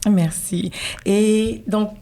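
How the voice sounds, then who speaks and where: A woman's voice: medium pitch, steady tone, drawn-out words, dark tone. A woman hosting an interview show, attentive and encouraging her guest with short interjections. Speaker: host.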